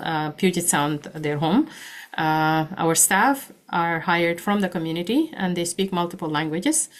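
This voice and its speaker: Low-voiced woman presenter, hoarse, halting with fillers, video call. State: losing her voice. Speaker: nonprofit founder and presenter. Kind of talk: webinar presentation.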